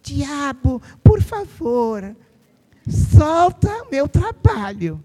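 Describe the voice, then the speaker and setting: A man mocking a timid believer who begs slowly and politely in a drawn-out pleading voice. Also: extremely high pitch, very animated, warm tone, heavily acted.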